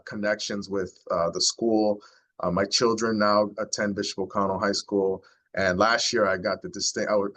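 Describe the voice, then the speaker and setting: A man in his forties with a very deep, low voice talks to a neighborhood gathering as the county sheriff. His delivery is earnest and heartfelt, reflective and sincere as he addresses the community. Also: a bit bright. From United States. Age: 40s. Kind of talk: community talk to a neighborhood group.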